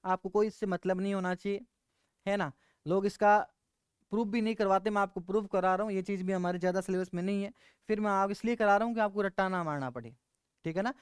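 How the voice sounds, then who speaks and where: A male chemistry teacher gives a classroom lecture. He mixes terms into his talk, keeps asking the students questions and answers them himself. His voice is smooth and resonant, recorded close and dry. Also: sits high, fairly even intonation, fast talker, dry recording.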